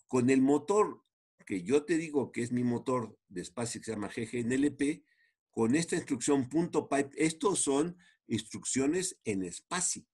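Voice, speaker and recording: A man, chatting his way through a coding demo as an instructor, animated and full of restarts. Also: mid-range voice, husky. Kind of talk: casual screen-share coding walkthrough.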